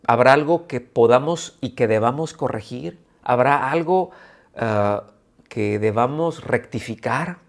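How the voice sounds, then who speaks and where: A man, speaking at a middle pitch, delivers a sermon at a church service. He keeps asking his congregation questions and slips into grumbling voices to mimic complainers. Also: measured pace. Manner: asks the congregation many rhetorical questions. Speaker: pastor. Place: church service streamed on video call.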